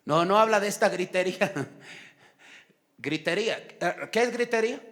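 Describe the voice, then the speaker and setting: A middle-aged man with a Guatemalan accent preaching a sermon, lively, acting out shouting people. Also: sits high, unhurried. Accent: Guatemalan Spanish. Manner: animated preaching, acts out quarrels in shouted voices. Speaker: pastor.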